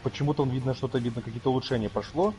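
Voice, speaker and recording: A man chatting casually as a co-player, with hesitant, halting phrasing and game music behind him. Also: medium pitch, steady tone, poor audio. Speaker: gamer, co-player. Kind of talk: casual gaming chat.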